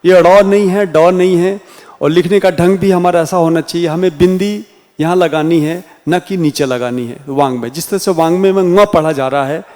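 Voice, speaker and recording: A man teaching a Hindi class in a slow, deliberate way with a Rajasthani accent, sounding out each letter one by one. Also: high voice, darkish tone. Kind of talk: classroom lecture. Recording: reverberant room sound.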